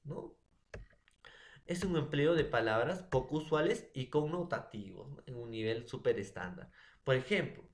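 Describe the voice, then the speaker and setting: A young man from Peru gives a classroom presentation in an ordinary middle-pitched voice. He keeps turning to the teacher, peppering his talk with fillers and short tag questions, and the room echoes around him.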